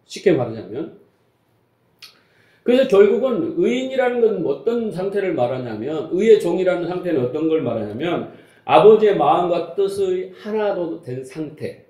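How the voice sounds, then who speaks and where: High-pitched pastor in an echoey hall. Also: male voice, sing-song, moderate pace, dark tone. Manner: emphatic, asks the congregation rhetorical questions; slips into casual, blunt speech. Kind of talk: Sunday sermon. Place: church sanctuary.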